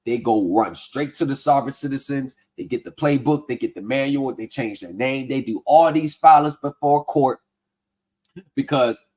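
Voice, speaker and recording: A man with a mid-range, somewhat mellow voice hosts a livestream at a moderate pace. Chatting conversationally, he reads from a tax form and doubtfully picks through misguided advice, exposing scams.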